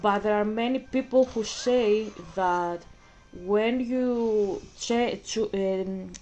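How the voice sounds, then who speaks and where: A woman's voice: medium pitch, takes it slowly, a little mellow, lo-fi sound, slight background noise. A woman from Greece, talking casually on her own channel and thinking aloud, with frequent restarts and fillers. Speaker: vlogger. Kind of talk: casual chat.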